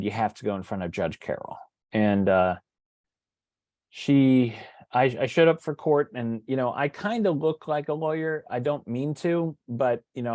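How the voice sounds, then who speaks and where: A middle-aged man telling a personal story in a relaxed, conversational way, with frequent fillers and restarts. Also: fairly low pitch, no room sound. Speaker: true crime writer and teacher. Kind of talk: casual storytelling lecture.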